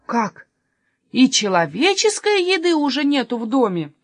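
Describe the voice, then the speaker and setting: Woman reads as bossy hot-tempered robber, loud, dry close sound. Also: sits high, very animated, moderate pace, no room sound, pitched above the performer's own voice. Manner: exclaiming, shouting. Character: loud bossy male robber, quick to anger.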